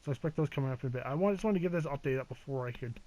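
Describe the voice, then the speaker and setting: A man's voice: mid-range voice, racing, mellow, low-quality recording. Rambling casual gaming vlogger man. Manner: rambling, hesitant, lots of fillers and restarts, casual swearing. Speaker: gaming YouTuber. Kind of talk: casual channel update.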